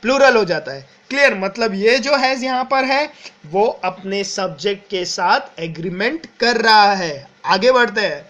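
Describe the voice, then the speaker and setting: A man with an Indian accent teaching an English grammar lesson, explaining step by step and often asking "clear?". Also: high voice, lively intonation, measured pace, a bit bright, dull audio. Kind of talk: exam-prep grammar lesson.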